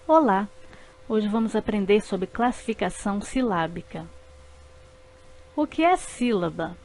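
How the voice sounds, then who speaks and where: A woman's voice: medium pitch, expressive, a little slow, darkish tone. A Brazilian woman narrating a scripted lesson, spelling words out syllable by syllable. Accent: Brazilian Portuguese.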